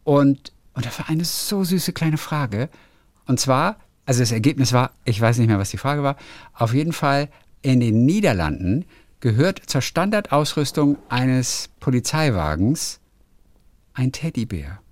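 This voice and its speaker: A male radio host tells little anecdotes in a loose, rambling way. His voice sits at an average pitch. The sound is dry and close, with no room around it. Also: big pitch swings, unhurried, no echo. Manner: rambling, chatty storytelling. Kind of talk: casual phone chat.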